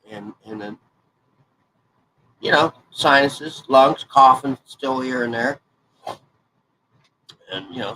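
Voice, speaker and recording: A congested man in his 40s, his nose stuffed up, rambles folksily and keeps correcting himself while he crafts for his hobby vlog. His voice is mid-range, bright and forceful, but the audio is poor, with faint noise in the background.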